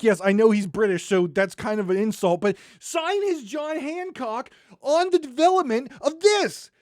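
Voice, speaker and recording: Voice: sits high, no echo, clean studio sound. A podcast host delivering an exasperated, sarcastic ranting monologue into a microphone.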